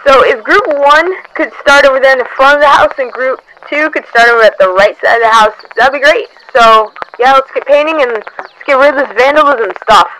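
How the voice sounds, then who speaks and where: A bossy young cleanup organizer acted by a woman in an amateur comedy drama. The voice is high and sharp, giving out casual instructions. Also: fairly quick, hardly any pauses, poor audio. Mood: organizing.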